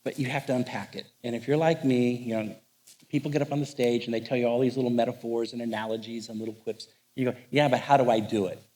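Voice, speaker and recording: A middle-aged man speaks from a stage as a counselor leading a seminar. His voice sits at an ordinary middle pitch. His delivery is lively and wry, full of jokes and stories. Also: quick pace. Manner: joking, animated storytelling. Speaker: marriage counselor. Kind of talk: live seminar talk. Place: on stage before a live audience.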